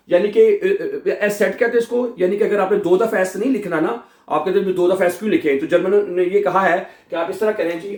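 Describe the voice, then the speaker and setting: A man's voice: fairly high pitch, darkish tone, reverberant. A man teaching a language lesson, drawing out words and checking in again and again. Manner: drawn-out repetition, checks in with "theek hai?" constantly. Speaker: German teacher.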